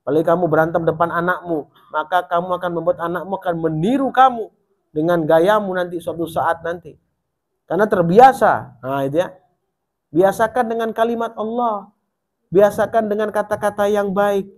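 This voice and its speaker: High-voiced man preaching. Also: moderate pace. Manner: rises in pitch and volume when urging, drops low and soft when warning. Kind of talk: sermon.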